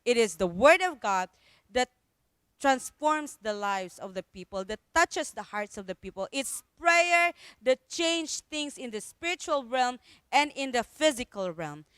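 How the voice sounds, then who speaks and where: A woman's voice: on the high side, lively intonation, measured pace, fairly bright tone, smooth, no echo. A woman pastor with a Filipino accent giving an earnest devotional Bible teaching, repeating her key phrases and mixing in Tagalog.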